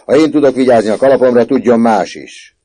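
A man voicing a gruff, stern dormitory prefect who scolds loudly. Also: low voice, pitched above the performer's own voice, close to an everyday voice. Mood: scolding. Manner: scolding, loud and sharp.

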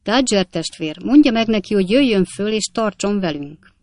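A woman's voice: mid-range voice, lively intonation, darkish tone, no room sound, studio quality, natural voice. A woman voicing a nervous, fawning man who leads a chapel meeting, eager and placating. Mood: nervously placating.

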